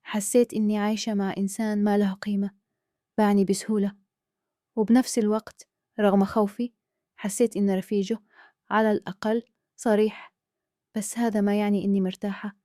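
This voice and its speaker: A woman with a Kuwaiti accent telling a dramatic first-person story in a soft, earnest way. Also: mid-range voice, little pitch movement, brisk, long pauses, no room sound, studio quality. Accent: Kuwaiti Arabic.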